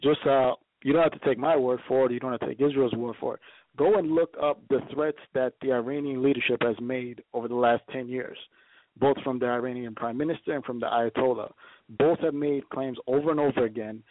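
Brief: fast-talking caller from Ethiopia, lecturing, insists on facts, tinny dry phone line. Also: male voice, mid-range voice, steady tone. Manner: insistent, lecturing, stammers when cut off. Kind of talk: heated call-in debate.

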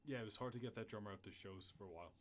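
A man in a band, calmly recounting the band's history in a relaxed interview. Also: lowish voice, racing, crowd noise. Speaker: band member.

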